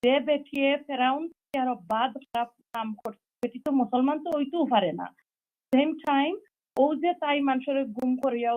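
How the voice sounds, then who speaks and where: A heated, higher-voiced woman caller on the phone. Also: darkish tone, low-quality recording. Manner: rambling, heated, restarts mid-sentence. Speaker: caller to a live call-in show. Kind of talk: impassioned call-in opinion.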